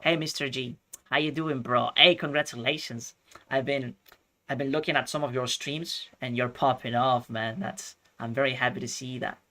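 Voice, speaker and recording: A man from Chile streaming chess, thinking out loud through his moves and chatting with viewers. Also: mid-range voice, steady tone, normal speed. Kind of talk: live-stream commentary.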